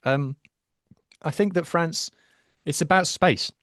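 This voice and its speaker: A man with a fairly high, slightly bright voice speaks slowly in a dry recording with no room sound. He co-hosts a rugby podcast from his home studio, mixing casual chat and rugby analysis with self-deprecating humour.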